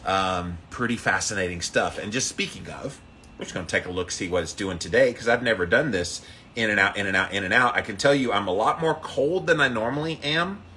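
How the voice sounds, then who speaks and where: A man's voice: on the low side, fairly quick, bright, forceful tone, slight background noise. A man hosting a casual livestream, upbeat, repeating himself as he greets viewers by name and reads out their comments. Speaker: livestream host of a daily ice bath challenge.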